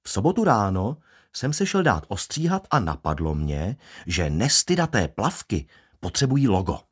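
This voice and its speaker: A man narrating a first-person audiobook with dry, ironic wit. His voice sits low, and the pitch rises and falls a lot as he tells the story. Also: very animated, slightly rough. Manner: wry, ironic.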